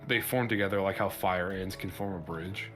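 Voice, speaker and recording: Deep-voiced man player, chatty. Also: moderate pace, fairly bright tone, faint music behind. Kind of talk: casual tabletop chat.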